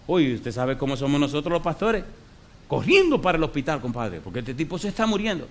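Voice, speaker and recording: A man's voice: a little high, very animated, fairly quick. A middle-aged man preaching a sermon as a pastor, who tells stories with acted dialogue and keeps asking the congregation questions.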